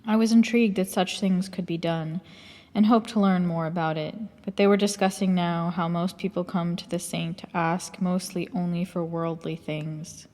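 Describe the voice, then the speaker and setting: A woman reading a first-person memoir aloud in a measured, reflective way. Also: lowish voice, fairly even intonation, darkish tone, in a large hall. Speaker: audiobook narrator.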